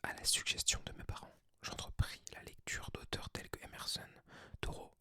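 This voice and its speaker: A person of unclear sex whispering softly and breathily, as in a library, in an ASMR book reading. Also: normal speed. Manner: soft, hushed library whisper. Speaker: ASMR creator reading aloud.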